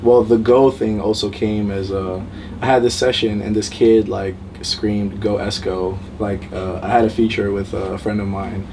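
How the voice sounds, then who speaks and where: Young male rapper from Cameroon, low voice, relaxed rambling, distant mic, faint noise. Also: normal speed. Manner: relaxed, rambling, many fillers. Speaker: rapper guest. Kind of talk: casual interview.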